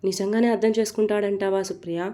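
A woman voicing a gentle, tearful young female boss in an audio story. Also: mid-range voice, fairly even intonation, fast talker, natural voice.

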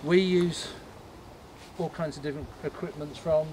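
A man leading a ghost tour, explaining things informally to a group in a halting, matter-of-fact way. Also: fairly high pitch, fairly even intonation, darkish tone. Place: on a night walking tour, in the dark. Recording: noisy outdoor night recording.

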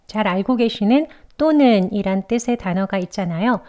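A woman teaching English pronunciation, explaining mouth and tongue positions clearly and patiently, step by step. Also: medium pitch, expressive, moderate pace, mellow. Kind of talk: instructional lesson narration.

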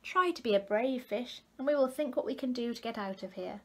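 Brave little male fish, steady and reassuring, in a storybook reading, as a woman puts him on, pitched a touch high. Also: a little fast. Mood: comforting.

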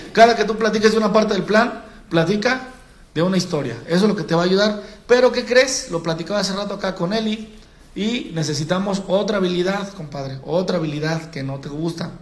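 A Mexican man with a Mexican Spanish accent giving a live training on public speaking from a stage, talking in a colloquial way and calling his audience compadre. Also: high voice. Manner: colloquial, addresses audience as compadre, demonstrates by acting out. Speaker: sales trainer. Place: event hall on stage. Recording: echoey event hall.

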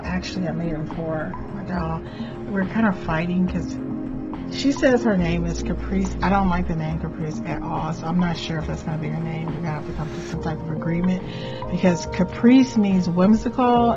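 A middle-aged woman with a fairly low voice presents a DIY craft video. She is theatrical and gushing, stretching the words she wants to stress. Music plays clearly behind her. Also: dull audio. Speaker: craft channel host, doll artist. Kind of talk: vlog and DIY tutorial.

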